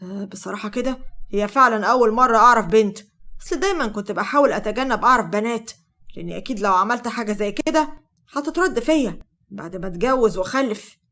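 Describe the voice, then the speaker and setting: A woman voices a sly, flattering man with an Egyptian accent in a narrated story. He charms in a smooth, quick patter. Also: on the high side. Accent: Egyptian Arabic.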